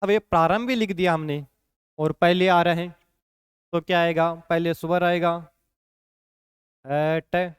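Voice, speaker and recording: A man's voice: a little high, steady tone, measured pace, pauses often, clear, resonant tone, dry recording, studio quality. A man teaching a shorthand lesson, explaining patiently and often checking in with his students. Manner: patient, repeats points with frequent "ठीक है" check-ins.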